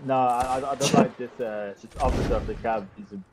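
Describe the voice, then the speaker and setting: Mid-pitched man, halting and teasing. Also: fairly even intonation, crowd noise. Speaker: player in an online battle game. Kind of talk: casual gaming voice chat.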